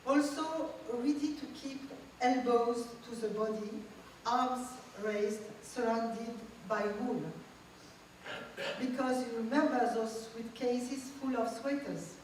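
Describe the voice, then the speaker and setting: A woman's voice: on the high side, a little hiss or hum. Woman in her 60s, echoey hall. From Tunisia. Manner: measured, reflective storytelling. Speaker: guest speaker. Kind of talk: reading a personal memoir aloud. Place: large event hall. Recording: echoey hall, distant mic.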